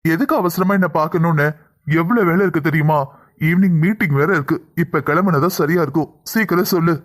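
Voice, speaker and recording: A man's voice: on the high side, brisk, close to an everyday voice. A man voicing a stern, impatient husband in a cartoon, curt and lecturing. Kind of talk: cartoon voice acting.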